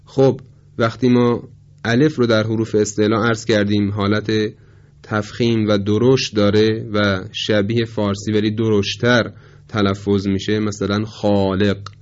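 Male tajweed teacher, low voice, measured and polite, slow drawn-out examples, dull lo-fi recording. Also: little pitch movement. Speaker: Quran recitation teacher. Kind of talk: tajweed pronunciation lesson.

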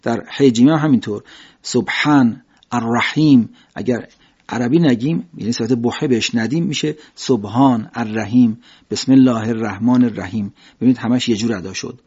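Man, husky voice, recitation teacher, careful step-by-step demonstrations, dull lo-fi recording. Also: medium pitch, mellow. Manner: explains step by step, then slowly demonstrates each sound. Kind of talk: pronunciation lesson.

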